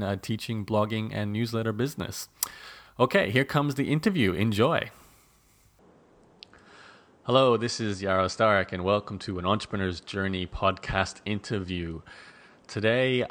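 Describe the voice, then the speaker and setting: Middle-aged man, podcast host, low, conversational, filler-heavy. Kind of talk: podcast interview with ad read.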